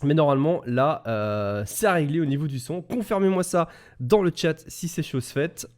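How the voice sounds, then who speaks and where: A Belgian man with a Belgian French accent casts a live esports match from his home setup. His voice sits a little high and swings widely in pitch as he chats and jokes with his viewers. He speaks close into an XLR studio microphone. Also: lively intonation, moderate pace, a little mellow. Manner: chatty, joking, talks straight to the chat. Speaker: esports caster. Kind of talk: live game commentary.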